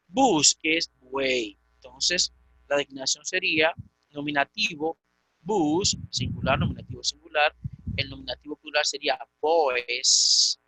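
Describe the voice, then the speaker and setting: A man teaching a Greek grammar lecture, patiently repeating and slowly spelling out word forms. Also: high-pitched, vocal fry, pushed and bright, breathy edge, no echo, low-quality recording.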